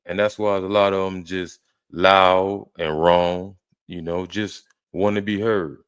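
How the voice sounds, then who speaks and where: A man with a low, deep voice runs a reaction show. He argues back at each clip in a blunt, heated tone. The sound is dry and close. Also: steady tone, takes it slowly, smooth, dry recording. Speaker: reaction host. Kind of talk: reaction commentary.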